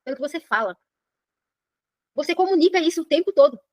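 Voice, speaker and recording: A middle-aged Brazilian woman coaching a class, talking very quickly in a high voice. She keeps checking in with her listeners, and her voice sounds dry and close. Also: no echo. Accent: Brazilian Portuguese. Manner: animated, keeps checking in with "entendeu?". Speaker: personal development coach. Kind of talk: live online class talk.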